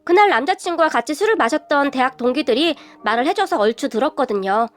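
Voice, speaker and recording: Brief: young female narrator, high voice, steady confessional storytelling, faint music bed. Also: fast. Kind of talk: scripted first-person story narration.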